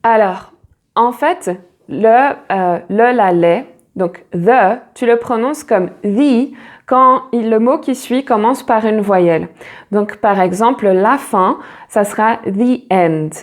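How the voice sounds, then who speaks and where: Woman, English teacher, online lesson; slow, patient, repeats words to model sounds. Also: on the high side.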